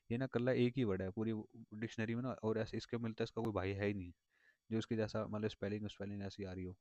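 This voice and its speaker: A man's voice: fairly low pitch, darkish tone, no echo. A man teaching vocabulary in a casual, rambling way, repeating words and circling back with many fillers. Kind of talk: casual explanatory lesson. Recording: dull lo-fi dry recording.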